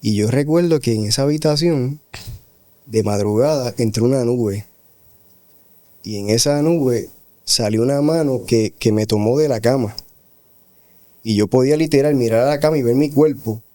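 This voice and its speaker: A middle-aged pastor tells his testimony slowly, pausing and restarting as he recalls. His voice is mellow and warm, sitting at a middle pitch. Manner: slow, reflective storytelling with hesitations. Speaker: pastor, guest. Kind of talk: testimony in a radio interview.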